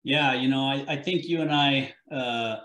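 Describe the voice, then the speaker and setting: This man in his forties hosts a business podcast, chatting easygoingly in a casual interview and often restarting his sentences. His voice is medium-pitched, unhurried and a bit bright, and the room sounds echoey.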